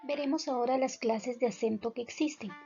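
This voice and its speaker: A woman teaching a recorded lesson, explaining in a clear, measured way. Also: high-pitched, warm tone, muffled recording, faint music behind.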